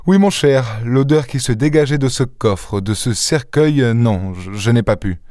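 A man reading an audiobook voices a boastful, witty gentleman thief with theatrical exclamations. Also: medium pitch, lively intonation, moderate pace, dry recording, studio quality, lightly acted. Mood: rueful. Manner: theatrical, exclaiming, mock-indignant.

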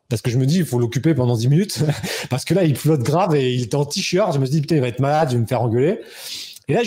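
A man in his thirties telling a personal story as an interview guest, animated and acting out quoted dialogue. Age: 30s. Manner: animated, acts out quoted dialogue with raised pitch. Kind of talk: casual storytelling.

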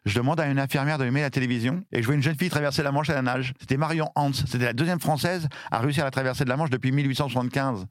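A man in his fifties from France, telling his story in an interview with lively, emphatic delivery. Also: medium pitch, racing, hardly any pauses, no echo, clean studio sound. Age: 50s. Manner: lively, emphatic, acts out shouted quotes. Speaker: interview guest.

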